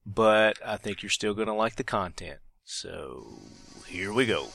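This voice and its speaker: A man's voice: fairly low pitch, lively intonation, a little slow, creaky, background noise. A man speaking as a podcast host, giving an apologetic spoken introduction.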